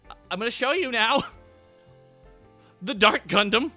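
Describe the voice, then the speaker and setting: A man streaming as a VTuber, chatting casually, excitable, swearing and laughing a lot as he shows clips to friends. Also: extremely high pitch.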